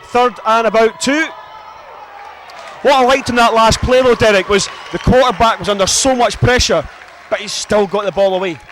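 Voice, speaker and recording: A man's voice: sits high, normal speed, a bit bright, a faint crowd, a little hiss or hum. A man with a broad Scottish accent giving live American football commentary in a chatty, explanatory way. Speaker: sports commentator, former player.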